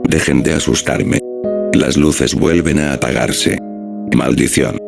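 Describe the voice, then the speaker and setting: A man's voice: rumbling low, steady tone, slow, gravelly, full character voice. A man voicing a scared teenage boy who is a bully, read plainly over music. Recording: music playing underneath.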